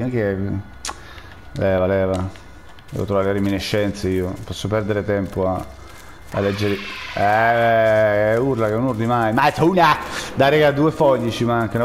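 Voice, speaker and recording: A man's voice: fairly low pitch, steady tone, normal speed, a little mellow, slight background noise. A man giving jittery, jokey live commentary while playing a game and talking to his chat. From Rome, Italy. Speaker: gaming streamer.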